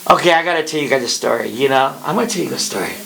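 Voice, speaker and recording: A podcast host in his fifties tells casual, comic stories in a profane, rambling style, sprinkling in Spanish slang. His medium-pitched voice is creaky and a bit bright, with lively intonation, and he races through his words.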